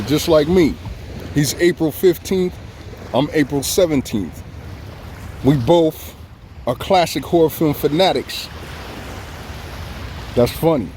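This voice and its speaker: Recording himself on a phone or camera by the beach, a man from Southern California talks in his regional accent through a casual tribute vlog. His voice is on the high side, and his relaxed, rambling delivery loops back, repeats itself, and breaks into frequent chuckles. A little hiss or hum sits under the audio.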